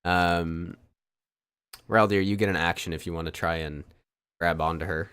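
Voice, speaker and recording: A man's voice: low voice, steady tone, moderate pace, a bit bright, smooth. A man running a tabletop game as dungeon master, narrating loosely with many ums and restarts.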